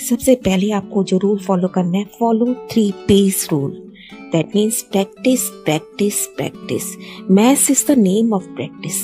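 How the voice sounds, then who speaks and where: Gravelly-voiced woman teacher giving exam tips. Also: mid-range voice, mellow. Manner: calls students "beta", mixes Hindi and English; reads English tips slowly. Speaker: maths teacher. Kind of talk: exam tips lesson to students.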